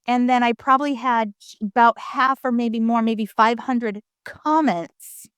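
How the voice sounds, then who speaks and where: A woman guest in an interview, sharing her personal story in a candid, animated, emphatic way with frequent conversational fillers. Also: measured pace, smooth, dry recording. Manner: animated and emphatic, with big pitch swings.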